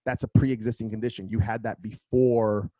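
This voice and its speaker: A man's voice: fairly low pitch, moderate pace, dry recording, poor audio. A man co-hosting a comedy podcast, telling a long profane story and acting out the people in it. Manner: profane, animated, acts out quoted voices. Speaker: podcast co-host.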